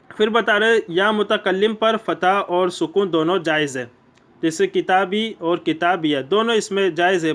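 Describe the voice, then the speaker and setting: A man with an Urdu accent giving a grammar lesson, explaining step by step and repeating key points. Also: high voice. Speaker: teacher. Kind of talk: classroom lecture.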